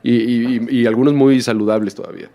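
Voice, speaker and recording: A man's voice: medium pitch, steady tone, fast talker, dull audio. A man from Mexico, a documentary filmmaker talking through his work in a casual interview, reflective and full of restarts. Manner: reflective, many restarts and fillers.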